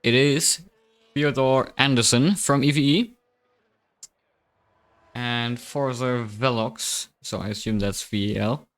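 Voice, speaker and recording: A man's voice: mid-range voice, steady tone, slow pace, pauses often, fairly bright tone. A young man commentating a sim racing qualifying session on a live stream, chatty and self-mocking, thinking aloud into a desk microphone.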